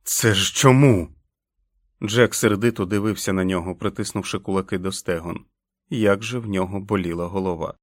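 Low-voiced man narrating an audiobook. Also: steady tone, a little fast, no echo, clean studio sound.

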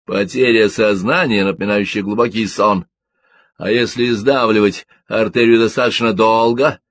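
A man's voice: on the low side, steady tone, normal speed, fairly bright tone, no room sound. A man reading an audiobook, voicing a stern male detective with a dry, curt delivery.

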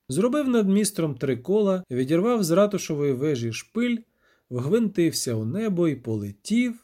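Expressive male audiobook narrator. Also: high-pitched. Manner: dramatic, expressive reading. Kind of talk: scripted narration.

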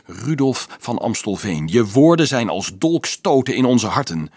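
A man's voice: medium pitch, very animated, measured pace, a little mellow, breathy edge, no echo, clean studio sound, full character voice. A man voicing a stern, wrathful priest who speaks in a cutting, thundering way.

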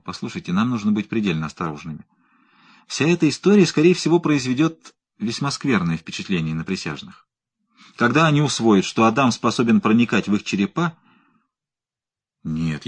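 A man's voice: fairly low pitch, very animated, normal speed, breathy edge. A man reading the part of a skeptical, questioning male lawyer in an audiobook. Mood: wary. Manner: doubtful, questioning.

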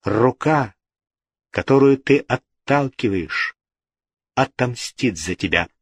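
A man's voice: mid-range voice, lively intonation, slow, breathy edge, no echo, studio quality. A man voicing a stern, grieving old father, an astrologer, who speaks firmly and solemnly in a storybook reading. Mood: solemn vow. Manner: firm, solemn.

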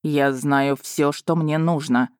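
A restrained dragon-born duke who speaks softly and coaxingly, never raising his tone, as a woman narrator voices him. His voice sits low and close, with a dry, unechoing sound. He stays measured and controlled. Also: fairly even intonation, no echo. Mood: firm. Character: man, calm commanding dragon-born duke.

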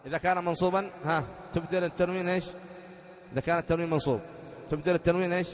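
Male sheikh, fairly high voice, patient teacher who quizzes and chants the text; muffled old lecture tape in a reverberant hall. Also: steady tone. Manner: explains patiently, quizzing students with rhetorical questions; slow sing-song chant when reading the text aloud. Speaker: sheikh teaching Arabic grammar. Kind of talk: classroom lesson reading and explaining a grammar text.

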